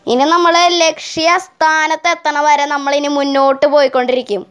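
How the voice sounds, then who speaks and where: A woman's voice: high voice, moderate pace, over loud music. A woman with a Kerala Malayalam accent narrates a casual travel vlog, chatting straight to viewers and mixing English words into her Malayalam. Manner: chatty, addresses viewers directly. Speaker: travel vlogger.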